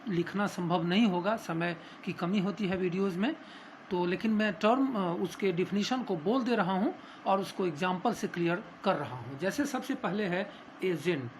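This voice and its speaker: A male English teacher with an Indian accent giving a grammar lesson, explaining terms slowly with hesitant pauses and frequent fillers. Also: high voice, a little hiss or hum. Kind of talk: classroom grammar lesson, Hindi mixed with English.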